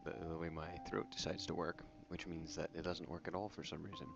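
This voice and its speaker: A YouTube game channel host offers soft-spoken ASMR commentary on a video game in a very low voice with a crackly, fry-laden edge, speaking softly but not whispering. Fairly quick, with little pitch movement, he rambles casually and often corrects himself. The muffled audio sits under prominent music.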